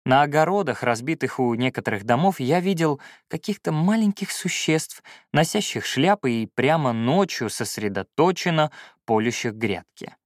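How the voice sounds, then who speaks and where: A male audiobook narrator telling a first-person story with a lively, swooping delivery at a middle pitch. The sound is dry and close, with no room in it. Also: normal speed, no echo. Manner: expressive, storytelling.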